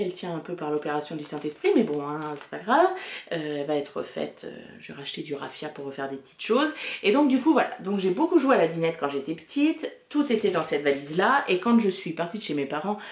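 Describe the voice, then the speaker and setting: A woman's voice: lowish voice, darkish tone, slight background noise. A woman in her thirties hosting a knitting video podcast at home, chatting casually to camera and rambling with many fillers and restarts. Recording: echoey home room.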